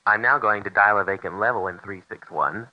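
A man's voice: fairly low pitch, fairly quick, no room sound. A man on an old 1970s tape recording, methodically narrating a telephone call demonstration and reading out the digits step by step.

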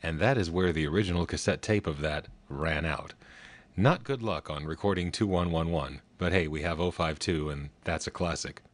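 A man's voice: deep voice, normal speed. A man giving precise, technical explanatory narration as he introduces archival recordings. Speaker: narrator of telephone history recordings.

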